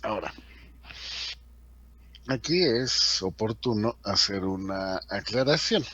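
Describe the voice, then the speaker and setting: A man's voice: on the low side, animated, slow, pushed and bright, husky. A man teaching an English grammar class in a chatty way, asking his students questions as he goes. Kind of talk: classroom lesson explaining grammar.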